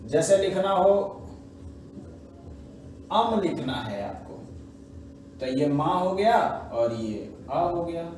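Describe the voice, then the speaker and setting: Slow-teaching man, echoey distant sound. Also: a little high, big pitch swings, darkish tone. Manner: slow, repetitive teaching with frequent "है ना" and "ठीक है" checks. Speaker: shorthand teacher. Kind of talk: classroom lesson explaining shorthand. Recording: echoey room, mic at a distance, faint background noise.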